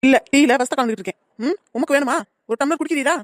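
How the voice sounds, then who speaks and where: A woman's voice: high voice, racing, noisy background, close to an everyday voice. A woman doing a sarcastic young daughter-in-law. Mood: snappy. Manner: grumbling, sarcastic. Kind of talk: cartoon comedy voice acting.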